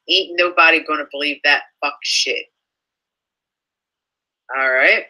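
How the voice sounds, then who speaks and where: A young woman works through a list of online comments, firing back at each one with indignant sarcasm and plenty of swearing. She trips over her words and starts over often. Her voice has a sharp, tense brightness at a middling pitch. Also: low-quality recording. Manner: halting with frequent restarts. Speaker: vlogger reading comments. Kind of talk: casual ranting commentary.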